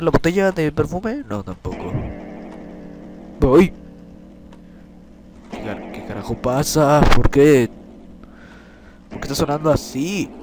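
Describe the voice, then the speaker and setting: A man's voice: on the high side, darkish tone, slight background noise. Man, congested from a cold, jumpy let's-play commentary, swearing, desk mic. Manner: jittery, swears, yelps when startled. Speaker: gameplay commentator. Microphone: desk microphone.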